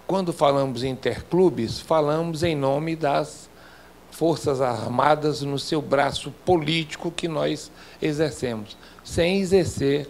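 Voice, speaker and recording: A man's voice: on the high side, a little mellow, slight background noise. An older man with a Brazilian accent gives a formal, emphatic address to club members, speaking into a handheld microphone in an indoor lecture hall. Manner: slow, emphatic, civic exhortation with rising intensity.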